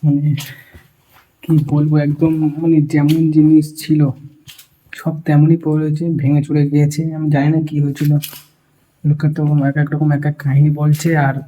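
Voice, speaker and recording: A man talking softly and nervously while exploring an abandoned building for a vlog. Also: fairly high pitch, completely flat delivery, normal speed, poor audio. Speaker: vlogger. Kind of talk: casual on-location vlog talk.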